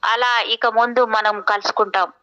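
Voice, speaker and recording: A gentle, loving young woman spirit speaks softly and soothingly, as a woman reader gives her lines. Her voice is bright and smooth, and the recording sounds slightly dull and lo-fi. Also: a little high, steady tone, measured pace.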